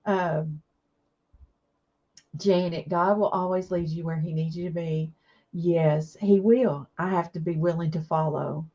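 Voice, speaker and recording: A woman's voice: lowish voice, fairly even intonation, unhurried, dull audio. Teary woman chatting on a craft livestream. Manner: warm, emotional, reads viewer comments aloud and answers them. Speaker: craft live-stream host. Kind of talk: casual live-stream chat with viewers.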